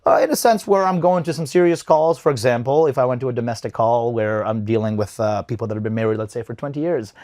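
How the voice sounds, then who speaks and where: A man's voice: medium pitch, quick pace, few pauses, darkish tone, no echo, clean studio sound. A man in his thirties from Bosnia, a podcast guest in casual interview talk, often restarting and repeating words. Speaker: podcast guest, event company owner.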